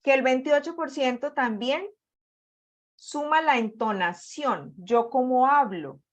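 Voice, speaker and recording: A Colombian woman with a Colombian accent leading an online workshop on job interviews, speaking with lively, deliberately varied intonation. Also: high-pitched, highs cut off. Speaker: workshop facilitator.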